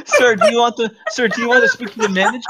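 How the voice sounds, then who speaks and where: Casual: someone doing a polite cashier voice, patient, formal, mid-pitched. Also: wildly swooping pitch, racing, heavy background noise. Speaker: cashier in role-play. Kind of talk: prank role-play in voice chat.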